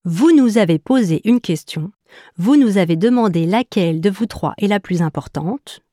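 A woman's voice: medium pitch, expressive, moderate pace, warm tone, no echo, studio quality, close to an everyday voice. Sensible male companion, firm, patient, storybook; woman reads it.

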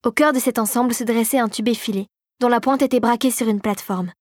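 A woman narrating an audiobook story in a calm, even storytelling manner. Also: fairly high pitch, fast, no echo, clean studio sound.

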